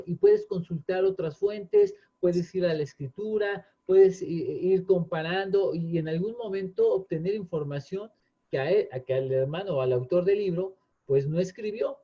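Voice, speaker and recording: A man's voice: high voice, expressive, normal speed. A man, earnestly explaining in casual chat, often restarting with fillers. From Mexico. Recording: dull lo-fi sound.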